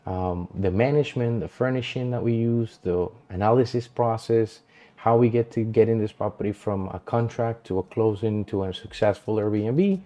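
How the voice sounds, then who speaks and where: With a warm, lowish voice at normal speed, a Colombian real estate agent introduces himself to the camera. His manner is easygoing and earnest, the delivery loose and filler-heavy. The self-introduction vlog is shot in a small, dim home studio with colored lights.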